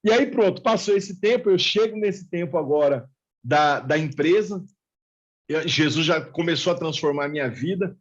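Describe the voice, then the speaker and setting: High-voiced man telling his testimony. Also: animated, normal speed. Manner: vivid storytelling, acting out quoted dialogue. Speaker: pastor. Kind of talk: personal testimony in a live chat. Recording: dull lo-fi live-stream audio.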